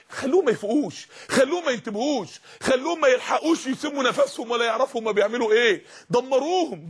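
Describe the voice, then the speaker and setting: A man's voice: very high-pitched, husky. A young man preaching an impassioned sermon in an Egyptian accent, pressing his points through repeated rhetorical questions and commands. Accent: Egyptian Arabic. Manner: impassioned, rhetorical, repetitive exhortation.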